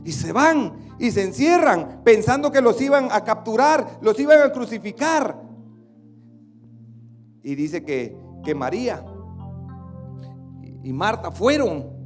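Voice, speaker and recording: A man pastor preaching a sermon dramatically, swinging between loud outbursts and hushed lines. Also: sits high, sing-song, slow pace, pauses often, faint music behind.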